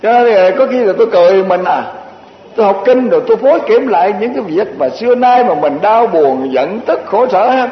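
A man delivers a Buddhist dharma talk in a high, light voice. He speaks in a homely, repetitive way, piling up short lists and slipping in chuckling asides. The recording is muffled, with a long echoing hall reverb and a faint hiss underneath. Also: lively intonation, a little fast. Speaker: Buddhist teacher.

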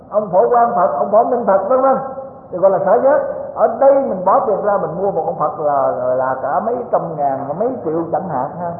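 A man gives a Buddhist dharma talk in a lecture hall, folksy and joking, often asking his listeners questions. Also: high-pitched. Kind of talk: sermon. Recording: tinny, echoey hall recording, faint hiss.

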